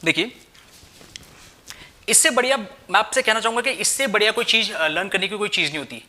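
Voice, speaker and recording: A man's voice: high voice, fairly quick, bright, forceful tone. A young man teaching chemistry, mixing Hindi and English, who keeps asking rhetorical questions and checking "theek hai" with his students. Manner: addresses students as "bhai". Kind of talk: explaining at a whiteboard, Hindi-English mix.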